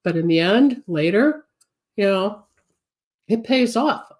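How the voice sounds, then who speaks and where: A woman's voice: mid-range voice, lively intonation, takes it slowly, a little mellow. A woman in her seventies hosting a psychic advice show, talking at length and rambling from topic to topic, congested and getting over a cold. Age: 70s. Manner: chatty, rambling, switches topics, gives advice. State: recovering from a cold, coughing. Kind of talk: solo live show monologue, reading viewer comments.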